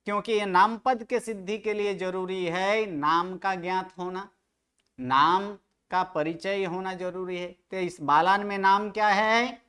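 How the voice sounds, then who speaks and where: In an online study-group lecture, a man teaches Sanskrit grammar, quizzing students and correcting their pronunciation. His high-pitched voice is clear, sharp and resonant, with a steady tone and measured pace.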